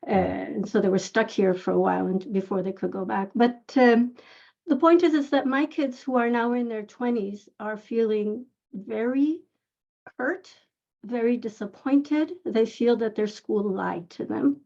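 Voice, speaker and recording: A woman's voice: a little high, unhurried, creaky, darkish tone, highs cut off. A woman in her fifties from Israel, an audience member asking an earnest, rambling question over a video call.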